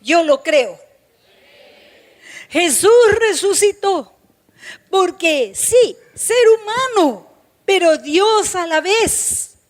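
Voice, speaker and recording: A woman pastor delivers her sermon in a very high, piercing voice. She takes her time, unhurried and deliberate, and she hammers home her points by repeating key phrases straight to the congregation. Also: lively intonation. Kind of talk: Pentecostal-style sermon.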